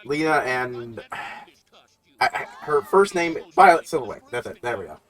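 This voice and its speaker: A man's voice: medium pitch, expressive, normal speed, fairly bright tone. A man giving casual, rambling reaction commentary on a cartoon, swearing and laughing as he goes. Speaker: reaction streamer.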